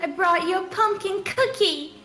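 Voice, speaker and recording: A woman voicing a cheerful little girl from a video game, squeaky and excited. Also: normal speed, soft background music.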